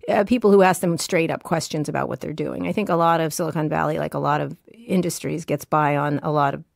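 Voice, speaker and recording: A woman reporter being interviewed in a studio, self-assured and blunt, talking with lots of quick fillers. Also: deep voice, steady tone, creaky, no echo. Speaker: tech reporter, guest. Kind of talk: conversational interview.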